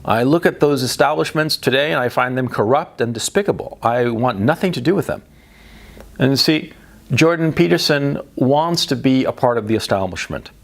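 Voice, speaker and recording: A man who grew up between Chile and the United States delivers a blunt opinion monologue in a gravelly, mid-pitched voice. He stresses points by repeating them and keeps checking in with "right?", stumbling over his own restarts. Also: expressive, normal speed. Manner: speech full of restarts and tag questions. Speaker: political commentator.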